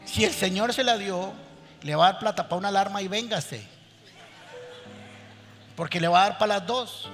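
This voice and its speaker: A man with a high voice preaches a sermon with animated energy, acting out the people in his stories. His voice carries a long hall reverb, with faint music underneath. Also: normal speed, long pauses. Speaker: pastor.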